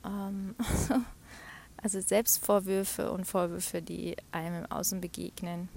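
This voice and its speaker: A woman talking personally and reflectively, often dropping to a soft half-whisper and laughing between thoughts. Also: lowish voice, level tone, normal speed, vocal fry, a little hiss or hum. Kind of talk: personal talk about her cycle.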